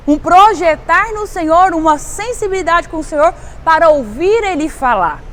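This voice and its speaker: A woman's voice: high-pitched, fairly bright tone. A middle-aged woman pastor with a Brazilian Portuguese accent, preaching casually and emphatically, asking the listener question after question. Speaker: volunteer pastor.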